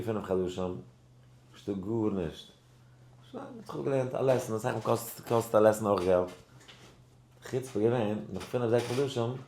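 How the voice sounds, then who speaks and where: A lower-pitched man leads a Torah lesson, stumbling through restarts and then jumping high as he plays the voices in his tale. English words slip into his speech now and then. The recording has a noticeable roomy echo. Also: slight background noise. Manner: animated, acts out dialogue in the story with sudden high pitch jumps; halting, many restarts and repeated words. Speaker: rabbi teaching a Torah class.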